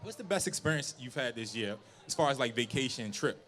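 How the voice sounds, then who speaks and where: A man's voice: mid-range voice, expressive, brisk, fairly bright tone. Man hosting a casual chat. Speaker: talk show host.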